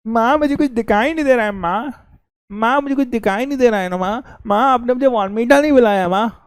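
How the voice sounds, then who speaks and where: A man's voice: very high voice, fairly quick, clear, resonant tone, no room sound, clean studio sound, voice pushed up. A man putting on a whiny crying child. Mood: whining. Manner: overacted whimpering.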